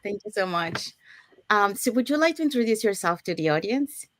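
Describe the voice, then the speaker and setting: A woman's voice: mid-range voice, expressive, a little fast, no room sound. A woman from Panama hosting an online panel over a video call, announcing schedules and introducing guests. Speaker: host.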